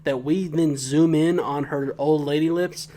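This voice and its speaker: A man's voice: on the high side, steady tone, measured pace, mellow. A man co-hosting a podcast, doing a casual comedic recap with profane, teasing banter. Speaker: podcast co-host.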